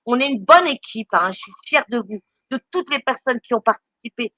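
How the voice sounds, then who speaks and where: Woman, high and bright, indignant live-stream rant, stammers and repeats herself. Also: expressive, normal speed, dry recording. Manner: indignant, scolding. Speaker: charity volunteer speaking on a live stream.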